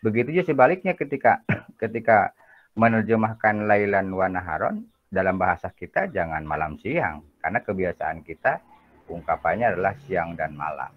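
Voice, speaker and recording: A man's voice: low voice, animated, normal speed, narrow, tinny audio. A man lecturing a class in a casual, chatty way, joking and often asking for agreement. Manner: chatty, jokey, peppers talk with tag questions. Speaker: university lecturer.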